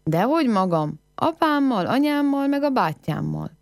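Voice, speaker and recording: A woman's voice: on the high side, very animated, gravelly, dry recording, studio quality, voice pushed up. A woman voicing a clever young village girl in a folk tale, with pert, teasing riddle answers.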